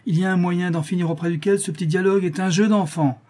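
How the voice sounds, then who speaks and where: A man reading the part of a hot-tempered young man, curt and forceful as he confronts his family. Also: fairly high pitch, animated, normal speed, breathy edge. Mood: angry, forceful.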